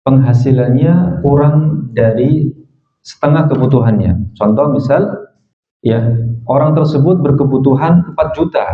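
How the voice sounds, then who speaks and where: A man teaching a religious study lecture, reciting Arabic verses and then explaining them, often tagging his sentences with "ya". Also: medium pitch. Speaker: Islamic teacher. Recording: echoey, phone-like thin sound.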